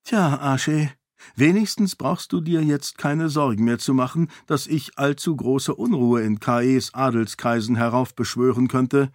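A man voicing a clever young princess who speaks in a hushed, wry way. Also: medium pitch, a little slow, dry recording, clean studio sound, lightly acted. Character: clever young princess, sharp-witted and sly.

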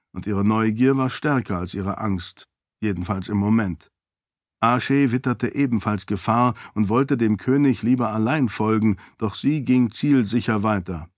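A man narrates a novel in a calm, steady storytelling manner. His voice sits on the low side, and the recording is dry and close with no room sound. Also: dry recording. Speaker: audiobook narrator. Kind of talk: scripted narration.

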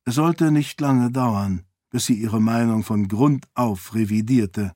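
A man reading a fantasy novel aloud as narrator in a measured, even manner. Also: mid-range voice, dry recording, clean studio sound. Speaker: audiobook narrator. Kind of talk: scripted narration.

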